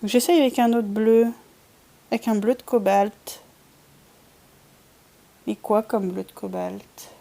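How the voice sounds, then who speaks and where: A woman's voice: mid-range voice, slow pace, vocal fry, pauses often, dark tone. A woman chatting casually while painting, thinking aloud and answering viewers' comments in a playful put-on accent. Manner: playful, puts on a random accent. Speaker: streamer painting with watercolors.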